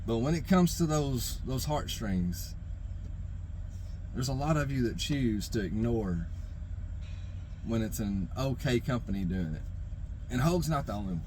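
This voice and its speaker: A man's voice: medium pitch, lively intonation, unhurried, long pauses, a little mellow. Exasperated, sweary man ranting over background noise. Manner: exasperated, rambling, profanity-laden ranting; repeats and stammers over phrases while hunting for words. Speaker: knife review vlogger. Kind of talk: unscripted opinion rant to camera.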